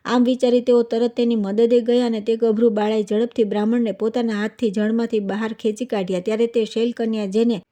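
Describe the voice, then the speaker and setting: A woman reads a devotional scripture tale aloud as a storyteller. Her voice sits a little high but sounds mellow and soft-edged. She keeps a flat, even recitation throughout. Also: fairly quick, few pauses.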